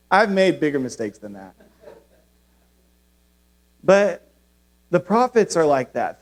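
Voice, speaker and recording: A male pastor preaching in a relaxed, conversational way, with a somewhat high voice. He mixes in personal stories and playful self-deprecating asides. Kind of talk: sermon with personal storytelling.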